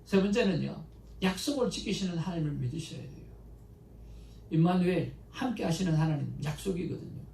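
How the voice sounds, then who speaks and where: In a church sanctuary, a pastor gives a conversational Sunday sermon, weaving stories together with animated, emotional pleas to God. His voice is a little high, brisk and gravelly. Recorded from a distance, the room sounds echoey with faint background noise.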